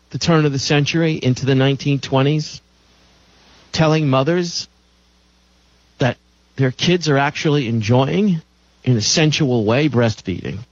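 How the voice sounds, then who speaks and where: A man's voice: mid-range voice, dry recording, dull audio. A man hosting a call-in radio show, lecturing in an emphatic way and repeating phrases for stress.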